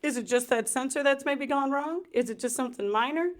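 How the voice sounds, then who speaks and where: A woman's voice: high-pitched, fairly quick. A woman co-hosting a podcast in casual chat, firing off exasperated rhetorical questions. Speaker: podcast co-host.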